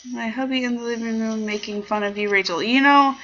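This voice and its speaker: A woman's voice: fairly high pitch, steady tone, brisk, bright, forceful tone. A young adult woman hosting a casual livestream chat show, rambling playfully and greeting viewers in the chat. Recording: dull lo-fi stream audio with faint background music.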